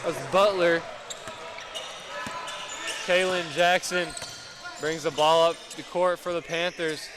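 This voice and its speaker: A young man calling live high school basketball play-by-play, with quick calls that rise when big plays happen. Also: steady tone. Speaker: play-by-play commentator. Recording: noisy gym ambience. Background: gym crowd and bouncing basketballs.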